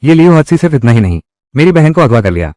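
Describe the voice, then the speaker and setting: A man's voice: on the high side, very animated, fast, darkish tone, no echo, clean studio sound. A man narrating a dubbed drama recap and reading every part himself in one voice. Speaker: dubbing narrator. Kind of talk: Hindi drama recap dubbing.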